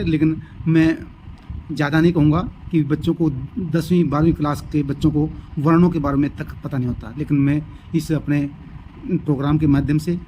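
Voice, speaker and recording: High-voiced man giving a lesson overview. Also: dark tone, a little hiss or hum, rough recording. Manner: explanatory, repeats key terms. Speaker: teacher.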